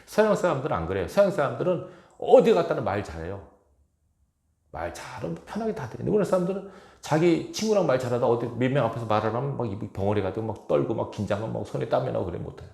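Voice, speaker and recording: A man's voice: mid-range voice, expressive, fast talker, creaky, darkish tone. A male pastor preaching a sermon with emphasis, asking his congregation rhetorical questions, recorded in an echoey church hall. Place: church sanctuary.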